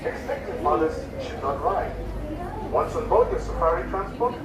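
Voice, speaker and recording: A ride safety announcer delivering a prerecorded announcement over an outdoor loudspeaker, with clear, lively enunciation. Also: medium pitch, normal speed. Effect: outdoor loudspeaker playback. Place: outdoor ride boarding area. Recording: echoey loudspeaker from far off, crowd chatter.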